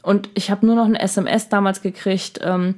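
A woman's voice: mid-range voice, moderate pace. Earnest young woman podcast co-host. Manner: earnest, emphatic, animated retelling. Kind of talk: casual chat.

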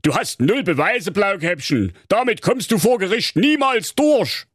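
A man's voice: high voice, sing-song, unhurried, slightly rough, no echo, clean studio sound, pitched above the performer's own voice, heavily acted. A man voicing a sly, defensive male wolf suspect who blusters and waves off blame. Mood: blustering. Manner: blustering, dismissive.

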